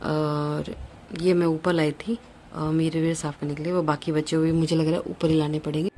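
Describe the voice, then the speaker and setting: A woman's voice: sits low, flat delivery, normal speed, warm tone, a little hiss or hum. A young woman chatting casually through a home vlog. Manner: chatty, coaxing a toddler with playful repetition. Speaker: vlogger.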